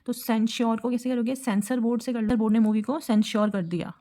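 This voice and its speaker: A woman's voice: fairly high pitch, fairly even intonation, fast, mellow. A young woman teaching vocabulary for exam preparation, explaining each word with a memory trick and a short made-up story. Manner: explains word tricks with little stories, acts out quotes. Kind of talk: exam-prep vocabulary lesson.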